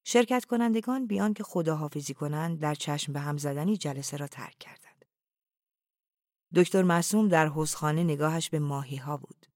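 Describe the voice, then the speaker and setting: A narrator reading a novel aloud in a calm, even, often hushed way. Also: mid-range voice, no echo, studio quality.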